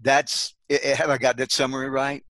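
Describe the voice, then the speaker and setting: A man's voice: medium pitch, little pitch movement, a little fast, fairly bright tone, no room sound. A man hosting a podcast interview, affirming and summing up his guest's points. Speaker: podcast host. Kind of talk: interview conversation.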